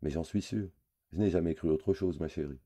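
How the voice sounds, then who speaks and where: A man's voice: deep voice, a little fast, dark tone, pitched above the performer's own voice. A man reading a novel aloud, voicing a bossy housewife who fusses and gives orders. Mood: stern. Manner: commanding, flustered.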